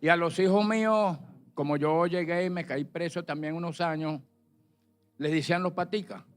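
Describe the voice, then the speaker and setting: A man's voice: on the high side, normal speed, clean tone. Plain-spoken man giving a church testimony. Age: middle-aged. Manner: plain-spoken, fills with "pues". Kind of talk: personal testimony. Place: church service.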